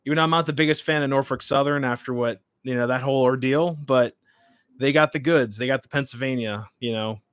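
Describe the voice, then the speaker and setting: A man in his late twenties speaks as a livestream host in an informal, chatty way. His voice sits at an average pitch with very little room sound. He moves between short remarks and replies to comments. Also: brisk, clean tone, no room sound, studio quality. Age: late 20s. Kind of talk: casual livestream chat, reading and answering comments.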